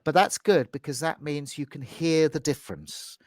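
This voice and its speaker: A man's voice: a little high, normal speed, no room sound. A man with a modern British accent coaching pronunciation one to one, instructive and encouraging, demonstrating sounds carefully.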